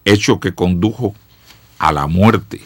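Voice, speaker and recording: A man hosting a radio program, reading reflective stories in a slow, measured way with dramatic pauses and falling line endings. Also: sits low, no echo. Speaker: radio host.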